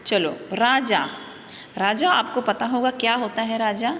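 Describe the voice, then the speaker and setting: Slow, patient woman teaching kids. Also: on the high side, a bit bright, long reverb tail, slight background noise. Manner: patient, explains slowly with questions and answers; often adds "okay" and "na" to check understanding. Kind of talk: worksheet lesson for young children.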